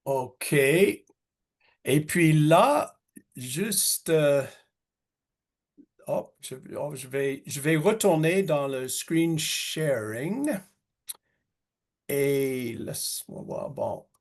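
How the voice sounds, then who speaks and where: A man's voice: mid-range voice, lively intonation, drawn-out words, pauses often. A man whose first language is English, speaking French hesitantly with many fillers and slips into English as a guest speaker in a webinar. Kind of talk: webinar presentation. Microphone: video call.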